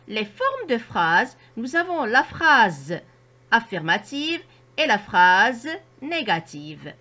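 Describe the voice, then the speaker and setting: A woman teacher with a Moroccan French accent, explaining a grammar lesson to children slowly and with careful articulation. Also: a little high, sharp tone. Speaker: primary school teacher.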